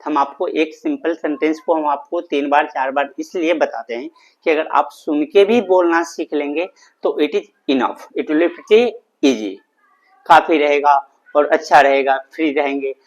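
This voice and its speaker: A man with an Indian accent teaching English phrases in a live online class, explaining in Hindi and repeating sentences slowly for learners. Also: on the high side, lo-fi sound. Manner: slow, drawn-out model sentences repeated for learners. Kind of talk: live online language lesson. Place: home room.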